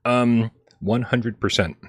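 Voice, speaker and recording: A man's voice: medium pitch, takes it slowly, breathy edge, no echo, clean studio sound. A man hosting a casual live gaming stream, joking with his co-host and reading out viewer tips, often restarting his sentences. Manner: laid-back, jokey, stumbles and restarts. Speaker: podcast host.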